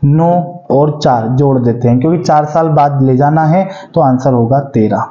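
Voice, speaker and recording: A man's voice: medium pitch, normal speed, dark tone, reverberant, lo-fi sound. A man in his forties teaching an exam-prep math lesson, asking the class questions and answering them himself. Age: 40s.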